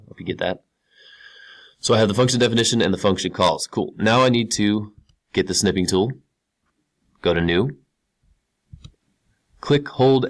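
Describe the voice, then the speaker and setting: A male teacher talking casually through each step of a screen-recorded tutorial, repeating key words for emphasis. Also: deep voice. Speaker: computer science teacher.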